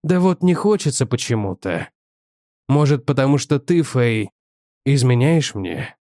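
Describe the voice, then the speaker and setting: A man's voice: medium pitch, animated, unhurried, warm tone, no echo, clean studio sound, close to an everyday voice. A man voicing a jealous, bitter husband who accuses his wife with sarcasm, in an audiobook reading. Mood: accusing.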